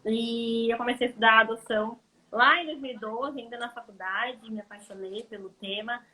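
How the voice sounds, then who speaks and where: A woman's voice: fairly high pitch, fairly even intonation, moderate pace, sharp tone, echoey room, low-quality recording. A Brazilian woman in her thirties, a psychologist hosting a casual live stream, welcoming viewers in a chatty way. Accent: Brazilian Portuguese. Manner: chatty, welcoming, thinks aloud. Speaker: host, psychologist. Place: home, on an Instagram live stream.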